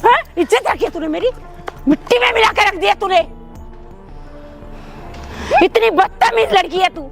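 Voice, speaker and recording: A woman playing a furious mother who scolds her grown daughter in a shrill, repetitive way. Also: lively intonation, normal speed, creaky, music in the background, full character voice. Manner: shrill, scolding, repeats herself.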